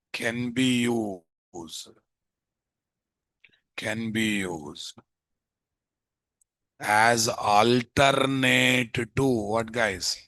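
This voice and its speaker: A male programming instructor with a Telugu Indian accent lectures in a forceful, bright voice. He dictates at an unhurried, slow pace, repeating phrases and checking in with tag questions. The sound is dry, with very little room in it. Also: mid-range voice, no echo. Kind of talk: live online lecture, dictating notes while typing. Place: indoors, live screen-share online class.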